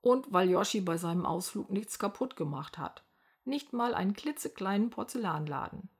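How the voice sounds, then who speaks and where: A woman reads a children's storybook aloud at a middling pitch, lively and expressive. Her voice is soft and slightly husky, with a breathy edge. She moves easily between narration and the characters' lines. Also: moderate pace.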